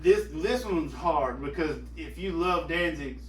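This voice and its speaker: A man's voice: fairly high pitch, animated, measured pace, a bit bright. A man co-hosting a podcast, chatting casually and joking, trailing off with fillers. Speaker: podcast co-host. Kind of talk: casual chat. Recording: echoey room from far off, faint noise.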